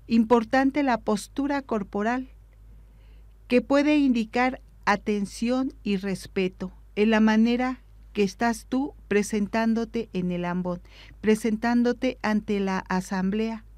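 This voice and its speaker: Slow, measured woman teaching. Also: a little high, a little mellow, dry recording. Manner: measured, didactic, deliberate. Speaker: liturgy instructor. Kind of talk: instructional talk on liturgical reading.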